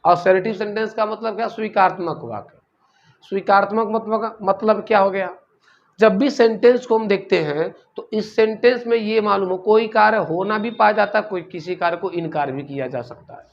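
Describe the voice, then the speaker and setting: A man's voice: high-pitched, normal speed, vocal fry. A man teaching a grammar lesson, explaining step by step and asking rhetorical questions as he goes. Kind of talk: classroom-style grammar lesson. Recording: dull lo-fi recording.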